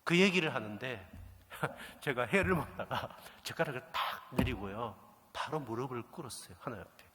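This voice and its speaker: A middle-aged man preaching a sermon, telling a story and acting out the dialogue with lively energy. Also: medium pitch, moderate pace, a little hiss or hum. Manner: animated storytelling, acts out quoted dialogue. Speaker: pastor. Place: church sanctuary. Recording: echoey church hall reverb.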